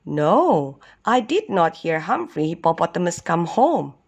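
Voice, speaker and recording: A sweet, motherly hippo mama, as a storyteller puts her on, lower than the children and calm. She talks slowly and gently, with a homely, caring manner. A storybook figure, kind and patient at her front door. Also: slightly rough, heavily acted. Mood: warm welcome.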